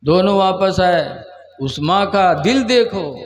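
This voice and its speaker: A man's voice: animated, in a large hall. A man preaching a sermon as a mufti, telling stories with emotion and quoting the people in them. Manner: emotional storytelling, voices quoted figures with rising pitch. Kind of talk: sermon storytelling.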